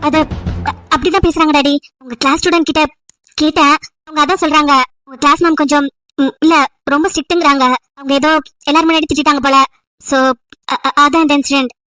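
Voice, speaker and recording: A woman's voice: sits high, fairly even intonation, fast, fairly bright tone, no echo, faint music behind, pitched below the performer's own voice. A woman playing a caring young friend. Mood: hesitant. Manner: soothing, reassuring, earnest. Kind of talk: amateur audio drama.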